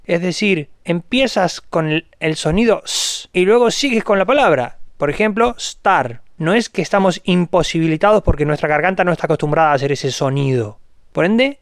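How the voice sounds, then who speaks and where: A man's voice: high-pitched, dry recording. Indignant man ranting, dry close sound. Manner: slow, spelled-out emphasis on words. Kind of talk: opinionated solo monologue.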